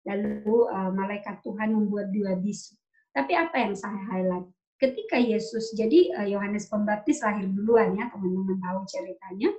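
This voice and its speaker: A woman's voice: medium pitch, moderate pace, dark tone. A woman preaching and retelling a story to her congregation in a chatty way, with many fillers and tag questions. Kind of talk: sermon storytelling. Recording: dull lo-fi sound.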